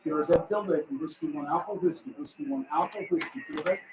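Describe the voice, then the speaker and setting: A man's voice: fairly high pitch, big pitch swings, fast talker, noisy background. A man working as an amateur radio contest operator, trading procedural exchanges in phonetic alphabet. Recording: distant, echoey room with chatter. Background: other radio operators talking.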